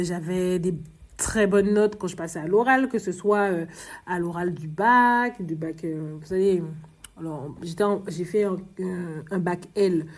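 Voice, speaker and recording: A woman from Martinique with a Martinican French accent hosts a personal podcast, sounding worn out. Her voice is warm and dark, and she talks fast, often restarting her sentences and softening her R sounds. She speaks in a confiding way, straight to one listener. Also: mid-range voice. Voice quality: fast, stumbling speech with dropped R sounds. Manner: frequent restarts and fillers, confiding tone. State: exhausted. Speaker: podcast host.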